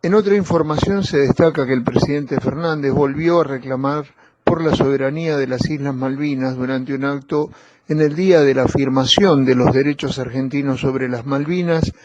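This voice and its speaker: A man reporting as a radio correspondent in a measured, formal news-reading delivery. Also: mid-range voice, steady tone, background noise. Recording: dry, muffled lo-fi audio.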